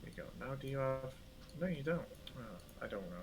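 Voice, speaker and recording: A man improvising narration as a tabletop game master, halting and informal, with the odd mild swear. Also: medium pitch, sing-song, very noisy.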